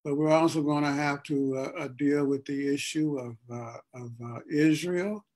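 A man from Ohio hosting a casual political discussion, speaking deliberately and pausing often mid-sentence. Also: on the high side, steady tone, a little mellow. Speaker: host.

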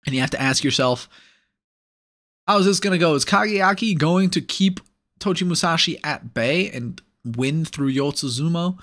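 A man's voice: a little high, normal speed, fairly bright tone. A man giving a casual, analytical voice-over breakdown of sumo matches, upbeat and with playful asides. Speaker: sumo commentator. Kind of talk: casual play-by-play video breakdown.

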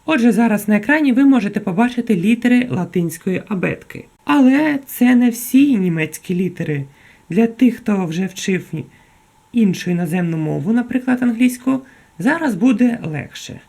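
A woman teaching a beginner German lesson, saying each letter slowly and clearly and asking learners to repeat after her. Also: a little high, lively intonation, mellow. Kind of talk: slow, careful beginner language lesson.

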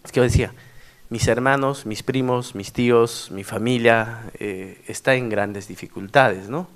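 A middle-aged man gives an anecdotal workshop talk. His voice sits at an ordinary pitch, and his delivery swings up and down as he tells stories. He keeps checking in with the audience through tag questions. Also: a little slow. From Peru, Cusco region. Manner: animated storyteller with frequent tag questions. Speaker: former district mayor giving a workshop talk.

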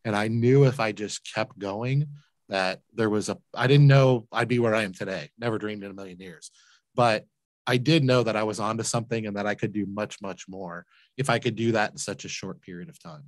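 A man's voice: on the low side, a little fast, dry recording. Earnest man telling his story. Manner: earnest, emphatic, repeats words when moved. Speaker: guest, laundromat entrepreneur. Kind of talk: interview storytelling. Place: home room, indoors. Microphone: large desk mic with headphones, video call.

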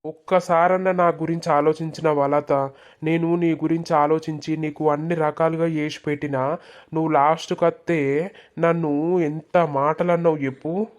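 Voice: medium pitch, level tone, moderate pace, close to an everyday voice. A performer voicing a hurt, resentful village man with a Telangana accent, talking in a reproachful, pleading way. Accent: Telangana Telugu. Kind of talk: animated village comedy dialogue.

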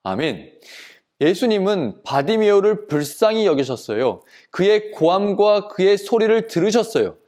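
A man preaching to children, telling a Bible story in a lively storytelling manner and calling them friends. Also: high voice, measured pace. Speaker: children's pastor. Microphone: studio video recording.

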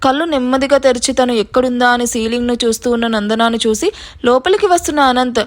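A woman's voice: a little high, quick pace. A woman narrating a dramatic story, now and then speaking to listeners directly. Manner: engaging, addresses listeners.

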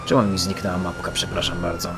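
A man's voice: low-pitched, steady tone, quick pace, very noisy. A man giving joking, mock-boastful commentary while playing a game. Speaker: gameplay commentator. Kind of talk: gameplay commentary. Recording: loud game sounds of engines and sirens.

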